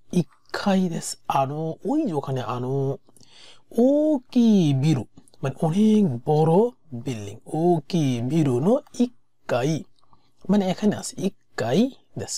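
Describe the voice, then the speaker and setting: A woman teaching a language-exam lesson, saying each word slowly and repeating it before she explains it. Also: low voice, mellow, dry recording, clean studio sound.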